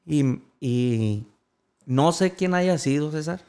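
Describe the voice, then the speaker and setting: Male guest, gravelly tone, earnest emotional storyteller. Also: on the high side, expressive, takes it slowly, mellow. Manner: earnest, emotional retelling with quoted voices. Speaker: interview guest. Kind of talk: personal storytelling in an interview.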